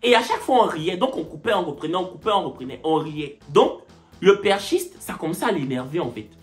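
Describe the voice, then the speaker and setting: Animated woman telling a comic story. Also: fairly low pitch, fairly quick, faint music behind. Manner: animated, acts out other people's voices and shouts. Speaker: comedian storyteller.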